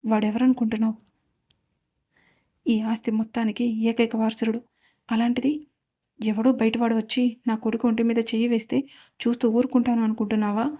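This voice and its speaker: A haughty, overbearing mother, voiced by a woman narrator in a read-aloud story. She speaks in a raised, level voice that stays fairly flat and sounds soft and mellow. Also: a little high, fairly quick, pauses often, lightly acted. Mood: indignant. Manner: indignant, demanding. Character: proud, overbearing middle-aged mother.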